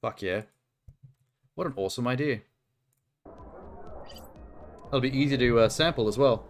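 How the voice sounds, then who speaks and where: A man's voice: medium pitch, unhurried, a little hiss or hum. A man streaming a game with casual, joking, sweary commentary. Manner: irreverent, sweary. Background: game music, keyboard typing.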